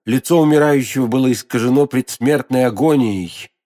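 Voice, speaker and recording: A man narrating a classic adventure novel in a dramatic, expressive read. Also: mid-range voice, moderate pace. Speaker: audiobook narrator.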